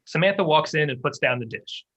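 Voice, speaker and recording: A man reads a script's scene headings and actions as stage directions, delivering scripted narration a little fast. His voice is bright and forceful, slightly high for a man, and the recording sounds muffled.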